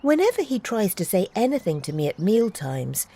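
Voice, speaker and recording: A woman's voice: medium pitch, very animated, moderate pace, warm tone. A woman voicing an unhappy young boy who speaks in an earnest, wound-up way. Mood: confiding.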